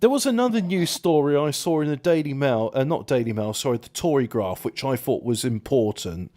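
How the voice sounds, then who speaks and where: Animated, lively-voiced man bantering. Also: medium pitch, fairly quick. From Belgium. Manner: excitable, jokey, laughs often. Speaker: podcast co-host. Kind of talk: crude casual banter.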